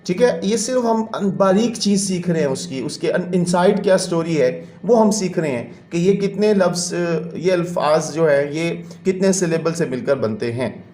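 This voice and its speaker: A man's voice: on the high side, animated, moderate pace, dark tone, roomy sound. A man, teaching a classroom lesson and explaining patiently step by step. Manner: patient, explains step by step, counts syllables aloud.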